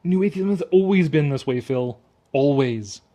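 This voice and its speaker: A slightly tipsy man offers sarcastic, exasperated off-the-cuff video commentary, swearing freely and speaking emphatically. His voice is fairly high, animated, and warm, at a moderate pace.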